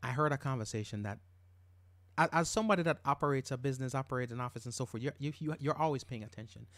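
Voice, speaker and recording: Podcast host, man from Jamaica, middle-aged, emphatic casual monologue, mid pitch, dry close sound. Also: fast talker, a bit bright, dry recording. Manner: emphatic, repeats words when worked up.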